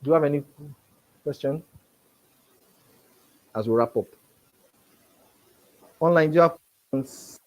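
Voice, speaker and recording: A business trainer with a Nigerian accent teaches a live seminar to an audience in a seminar room, stammering and repeating words. His voice is a little high and a little slow, with frequent pauses, and the audio sounds dull.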